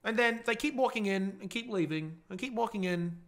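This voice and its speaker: A man telling a wild story in character, excitable and swearing a lot, often bursting into shouts. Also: high voice, brisk.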